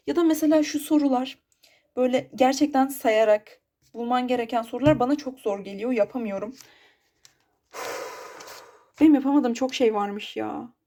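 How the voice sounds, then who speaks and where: A woman's voice: a little high, a little mellow. Frustrated young woman vlogging about studies. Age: young adult. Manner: chatty, frustrated, self-deprecating. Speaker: exam student vlogger. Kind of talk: casual study vlog.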